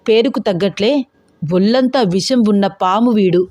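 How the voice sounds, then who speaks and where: A woman's voice: medium pitch, normal speed, darkish tone, no echo, natural voice. A woman reading a story aloud and voicing an angry young man who threatens sternly. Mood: stern anger.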